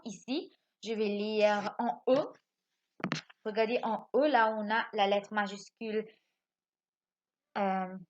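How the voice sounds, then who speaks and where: A primary school French teacher teaches grammar to young children in a recorded lesson, in a mid-range voice with the highs cut off. She is lively, repeats her points, and asks questions that she then answers herself.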